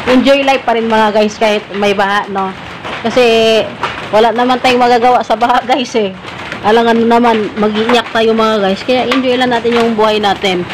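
A young woman with a fairly high voice chats cheerfully to her viewers, laughing often as she films herself on a phone at arm's length. She is outdoors on a farm, and clear background noise sits under her voice. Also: fairly even intonation, normal speed. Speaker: vlogger. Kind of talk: casual vlog chat.

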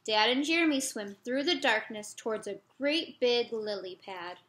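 A woman reads a picture book aloud at an unhurried, gentle pace. Her voice sits high and bright, and the recording has noticeable room echo. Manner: slow, expressive and gentle. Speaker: storyteller.

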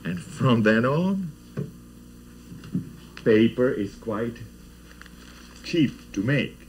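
Slow man telling kids a story. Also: mid-range voice, lively intonation, a little mellow, a little hiss or hum, rough recording. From Czech lands. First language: Czech. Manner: playful, asks children questions. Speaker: children's TV host. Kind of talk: storytelling to children.

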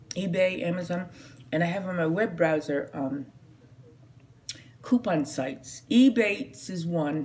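A woman's voice: on the low side, a little mellow. A middle-aged woman talks casually to the camera while eating, chewing between phrases. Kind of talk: casual mukbang chat to camera. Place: small indoor room at home. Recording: noisy home phone recording.

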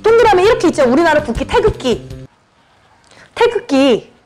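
High-voiced woman giving game clues. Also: brisk, faint music behind. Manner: animated, repeats words over and over. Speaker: channel host. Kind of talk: describing clues in a party guessing game.

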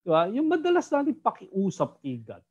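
Filipino-accented preacher leading a Bible study, animated and conversational, mid-range voice, dull lo-fi sound. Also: medium pitch, normal speed, breathy edge. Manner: animated, keeps asking "di ba?". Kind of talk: Taglish Bible study teaching.

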